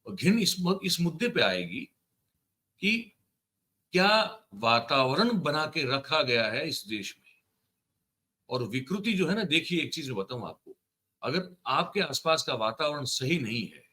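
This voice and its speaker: Bright-voiced indignant male news commentator. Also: a little high, big pitch swings, a little slow. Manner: indignant, emphatic, talks straight to the viewer.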